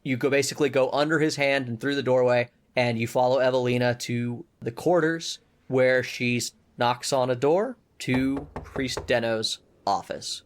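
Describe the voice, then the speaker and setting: A man's voice: medium pitch, fairly even intonation, normal speed, hardly any pauses. A man narrating a tabletop game as game master, casual and full of self-corrections.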